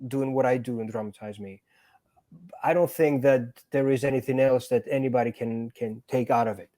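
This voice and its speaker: A man's voice: medium pitch, steady tone, normal speed, dark tone. A man born in Georgia and raised in Greece, a guest actor and stuntman talking casually in an interview, earnest and often repeating words as he finds his phrasing.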